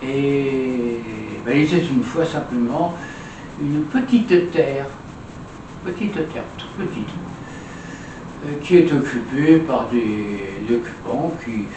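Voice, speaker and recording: Un homme conteur, à la voix de hauteur moyenne, qui cherche ses mots et se répète volontiers. On l'entend de loin, dans une pièce à l'écho marqué. Un bruit d'ambiance bien présent reste en fond. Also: male voice, medium pitch, slow pace. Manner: hesitant, with many fillers and repeats. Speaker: storyteller. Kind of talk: spoken storytelling. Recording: roomy, distant mic, ambient noise.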